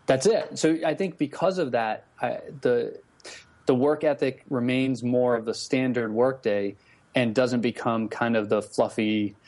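A man who works as a screenwriter, talking in a measured, plainspoken way in a casual chat. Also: mid-range voice, darkish tone.

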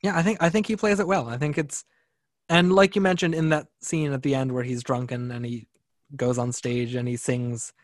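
A man's voice: medium pitch, fairly even intonation, moderate pace, no echo, studio quality. A man guesting on a casual film podcast, talking in an easygoing, thoughtful way with small stumbles.

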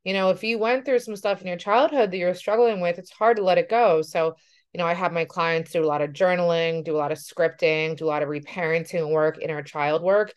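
A woman's voice: on the low side, steady tone, brisk, clean tone. A woman life coach talking through a casual podcast monologue in an earnest way, often checking in with "right?".

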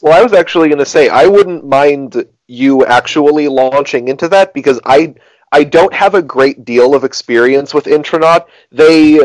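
A man's voice: fairly high pitch, moderate pace, no room sound, low-quality recording. Joking man co-hosting a podcast. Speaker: podcast co-host. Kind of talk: casual chat on a video call. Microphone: video call.

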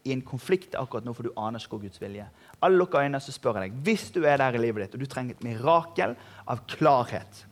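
Animated male pastor preaching. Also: medium pitch. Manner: energetic, humorous preaching with rising emphasis. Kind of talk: sermon. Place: church hall.

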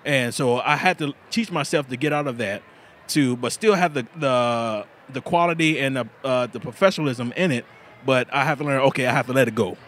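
A bladesmith in his thirties is interviewed casually at a busy indoor food festival. His mid-range voice is brisk and a bit bright. He talks earnestly, restarts often, and laughs easily.

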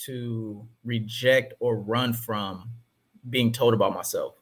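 Husky-voiced man, earnest and emphatic. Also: on the low side, fairly even intonation, slow pace. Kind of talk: casual faith discussion.

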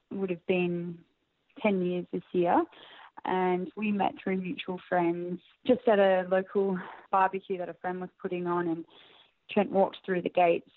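Reflective woman, low and gravelly. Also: no room sound. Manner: soft, reflective, laughs often. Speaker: interviewee. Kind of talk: personal interview. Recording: tinny phone-like audio, faint music.

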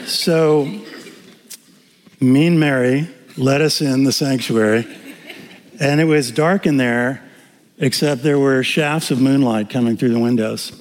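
A man in his sixties, a pastor preaching a sermon and telling personal stories with animated humor. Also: medium pitch, slow pace, pauses often. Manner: animated storytelling, acting out dialogue with humor. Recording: reverberant hall.

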